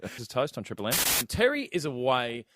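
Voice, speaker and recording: A man with an Australian accent hosting a radio show in a studio, with brisk, jokey presenter patter. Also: mid-range voice, wildly swooping pitch, noisy background. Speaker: radio host. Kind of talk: breakfast radio banter. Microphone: close studio mic.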